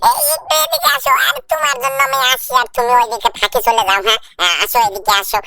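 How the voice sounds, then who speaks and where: A woman voicing a cheeky, lovesick little boy in a game fan dub, whiny and teasing with drawn-out calls. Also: on the high side, huge pitch swings, sharp tone, no echo, heavily acted. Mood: pleading.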